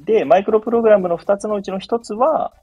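A man's voice: high voice, fast, warm tone, husky, soft background music. A young man, a podcast guest, talking casually about his study plans and answering mostly with short agreements. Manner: short replies, lots of backchannel agreement. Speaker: guest preparing to study abroad. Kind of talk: casual conversation.

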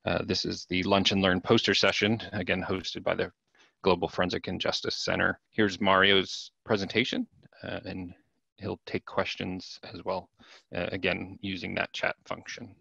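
Man, session host, raspy, forceful edge, introducing a speaker, dull dry call audio. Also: low-pitched, level tone, moderate pace, no echo. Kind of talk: introducing a presenter.

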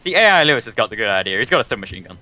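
A man's voice: lowish voice, big pitch swings, rapid-fire, sharp tone. A man playing a co-op game with friends, teasing them and giving advice. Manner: teasing, know-it-all advice. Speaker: co-op player. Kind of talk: casual gaming chat.

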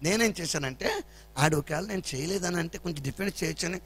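A male pastor preaching a sermon, telling a family story with animated delivery and acting out the voices. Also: fairly high pitch, quick pace, slightly rough, dry recording.

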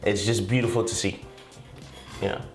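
A young man co-hosting a reaction video, talking earnestly and slowly in casual chat from a small room. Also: lowish voice, fairly even intonation. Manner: earnest, measured reflection. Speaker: reaction channel co-host. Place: small indoor room, plain wall. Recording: roomy with music playing behind.

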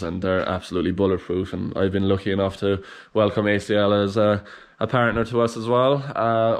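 A young man giving a relaxed, chatty vlog tour of his workshop, filmed on a handheld camera at arm's length. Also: fairly low pitch. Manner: relaxed, chatty, lots of fillers. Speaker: vlogger. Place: large indoor workshop garage.

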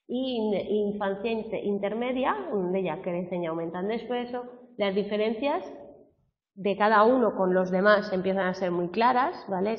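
Spanish teacher lady lecturing, kinda low voice, echoey room, dull muffled recording from far off. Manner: chatty, peppers sentences with "¿vale?" tags. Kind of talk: classroom lecture. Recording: roomy classroom, far from a dull mic.

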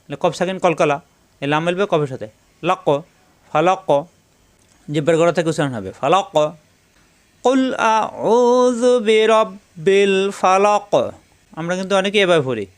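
Guiding learners through recitation one step at a time, a fairly high-pitched man slowly spells each letter before chanting the verses in long, stretched tones.

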